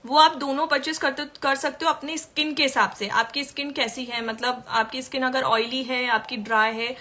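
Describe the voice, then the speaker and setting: A woman's voice: high-pitched, steady tone, normal speed, pushed and bright. A woman makeup artist teaching makeup in a chatty way during a live-stream tutorial, answering viewer questions as she works.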